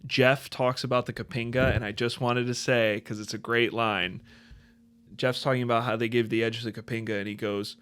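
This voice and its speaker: A man co-hosting a casual podcast, animated, laughing at his own jokes and using lots of fillers. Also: medium pitch, fairly quick, smooth. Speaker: podcast co-host.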